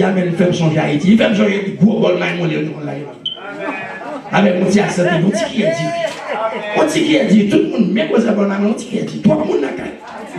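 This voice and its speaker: A male pastor with a Haitian accent preaching a sermon with call-and-response and frequent shouts. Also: high-pitched, vocal fry. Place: church sanctuary. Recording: echoey church recorded from a distance.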